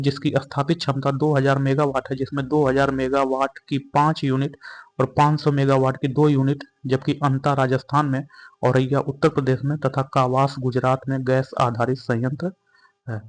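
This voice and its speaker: A young man teaching exam preparation, working through questions one by one. He speaks in an even, monotone voice at a middling pitch and restates every answer patiently. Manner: steady, repetitive explanations, restating each answer.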